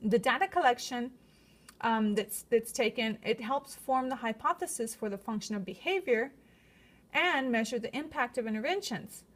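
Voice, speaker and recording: A woman's voice: a little high, expressive, moderate pace, a bit bright. A woman with a slight lisp from new braces gives a semi-scripted student presentation, reading prepared points in an explanatory way.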